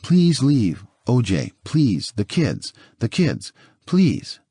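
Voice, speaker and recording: A man's voice: fairly low pitch, animated, a little fast, darkish tone, husky, no room sound, clean studio sound. A man voicing a frightened woman who pleads on an emergency call, on the verge of sobbing. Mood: pleading. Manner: pleading, breaking into sobs.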